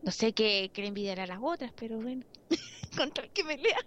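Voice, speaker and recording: A Chilean woman co-hosting a podcast, chatting in a relaxed, offhand way. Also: on the high side, a little fast, slight background noise. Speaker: podcast co-host. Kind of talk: casual chat. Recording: dull lo-fi sound.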